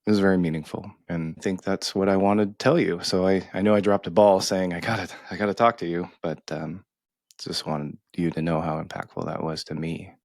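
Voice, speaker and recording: A middle-aged man co-hosting a podcast, telling an emotional personal story in a halting way with many restarts. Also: low voice, little pitch movement, vocal fry, darkish tone, dry recording, studio quality. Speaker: podcast co-host. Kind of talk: casual heartfelt storytelling.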